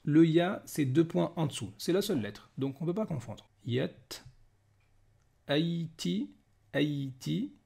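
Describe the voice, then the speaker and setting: Patient gravelly man syllables. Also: a little high, very animated, warm tone. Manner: patient, repeats syllables slowly for learners. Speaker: Arabic reading teacher. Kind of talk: recorded reading lesson.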